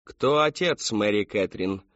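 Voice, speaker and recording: A man's voice: lowish voice, a little slow, no echo, highs cut off. A man voicing a cold, menacing middle-aged woman who coaxes and commands in a storybook reading. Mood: cold coaxing. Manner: calm, coaxing, then commanding.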